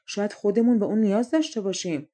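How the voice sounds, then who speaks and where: A kind young man mutters his doubts to himself, voiced by a woman narrator. He speaks quietly and sounds unsure of what to do. The voice is low-key and warm, as in a storybook reading. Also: natural voice. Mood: worried. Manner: quiet, uncertain.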